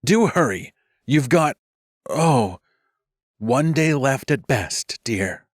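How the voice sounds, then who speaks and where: A man voicing a female mage who speaks calmly with a teasing edge. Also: mid-range voice, slow, dry recording, studio quality, voice pushed up. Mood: edged teasing. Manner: calm but edged, drily teasing. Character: sharp-eared older female mage, calm but edged.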